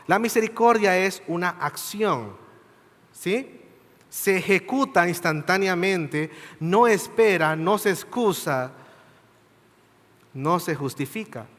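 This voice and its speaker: A man's voice: a little high, fairly bright tone. Earnest preacher man in a reverberant hall. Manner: earnest, asks the congregation direct questions; checks in with listeners with short tag questions. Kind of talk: sermon.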